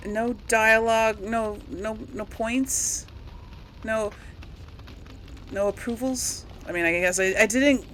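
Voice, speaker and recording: A woman hosts a casual let's play video, talking to viewers in a rambling, hesitant, giggly way and role-playing replies. Her voice is a little high, steady, slow, and fairly bright, with frequent pauses and slight background noise.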